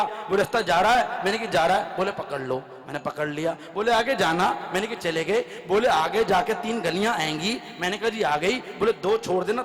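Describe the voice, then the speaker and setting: High-voiced male stage comic. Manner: lively storyteller acting out dialogue with rhythmic repetition. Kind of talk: stand-up comic storytelling at a poetry gathering. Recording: reverberant live PA sound.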